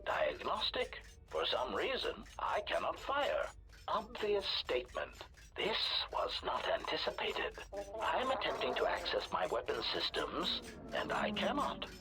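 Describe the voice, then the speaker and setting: A man's voice: on the high side, wildly swooping pitch, unhurried, in a whisper, heavily acted. A man voicing a cold, sardonic male assassin droid in a video game, heard through a metallic robot filter, speaking formally and labelling each sentence before he says it. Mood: alarmed. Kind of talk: video game character dialogue. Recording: game audio with background music. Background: game music.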